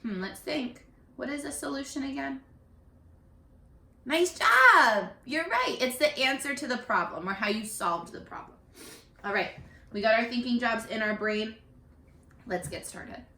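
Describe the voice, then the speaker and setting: This woman's voice is fairly high with some vocal fry as she, a primary school teacher, runs an interactive read-aloud lesson for little kids at home in her living room. Encouraging and animated, she keeps asking questions and pausing for replies, and the audio carries a roomy echo.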